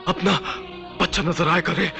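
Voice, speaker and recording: An actor playing a man urgently pleading with an outlaw in halting phrases, in a Hindi film melodrama. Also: high-pitched, little pitch movement, creaky, over loud music. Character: man pleading with an outlaw to see his own child.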